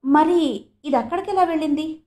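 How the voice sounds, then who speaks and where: A woman voicing a brisk male police sub-inspector asking probing questions in a storybook reading. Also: sits high, a little mellow, echoey room, voice pushed up, natural voice.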